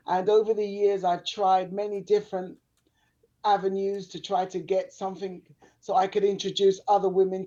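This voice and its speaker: A woman's voice: medium pitch, mellow. A woman guest, a sumo wrestler, talking candidly and emphatically on a video call, repeating her points. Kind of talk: interview chat. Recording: dull lo-fi audio.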